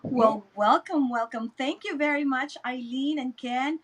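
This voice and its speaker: A high, breathy-edged voice belongs to a middle-aged Filipino woman recounting her life as an interview guest online. She leads a network marketing business, speaks unhurriedly with a Filipino accent, and repeats words for emphasis.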